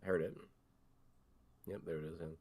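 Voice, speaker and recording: A man's voice: sits low, steady tone, moderate pace, a little mellow, slightly rough. A man who is a player in a tabletop game, chatting in a laid-back, mumbling way. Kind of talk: casual chat during a tabletop game.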